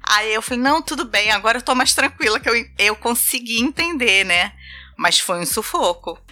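Brazilian woman, bright higher voice, tells stories all animated, faint music behind. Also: moderate pace. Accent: Brazilian Portuguese. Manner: animated, acts out voices and laughs while telling stories. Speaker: guest. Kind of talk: casual storytelling chat.

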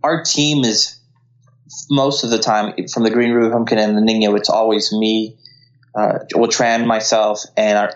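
Flat-voiced low man, lo-fi sound. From Colombia. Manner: earnest, frequent restarts. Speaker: guest, CGI artist and filmmaker. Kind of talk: casual interview talk.

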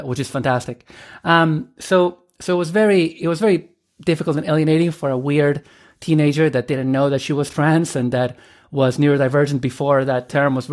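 Her voice is very deep and darkish in tone. This Argentine woman in her thirties, a podcast guest, chats hesitantly through a casual interview, full of fillers and false starts.

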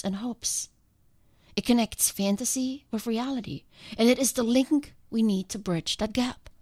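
Hosting her own solo podcast, a woman speaks close to the mic in a calm, earnest, reflective way, her medium-pitched voice congested from a sinus infection. She comes from outside the country she now lives in. The recording is dry, with no echo or room sound.

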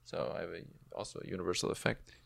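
A man hosting a casual podcast conversation, joking and teasing with playful deadpan self-mockery. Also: sits low, quick pace, vocal fry. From United States (Southern California). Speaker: podcast host.

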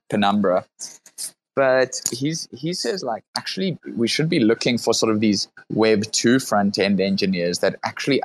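A South African man hosts a casual Twitter Space, chatting loosely, packing his speech with fillers and restarting often. His voice is on the low side, with slight background noise.

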